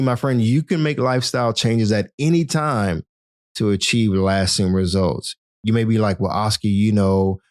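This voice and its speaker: This is a man hosting a motivational health podcast, speaking in a fairly low voice. He keeps encouraging the listener and calls them his friend. The sound is close and dry, with no room echo. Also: a little mellow. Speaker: podcast host.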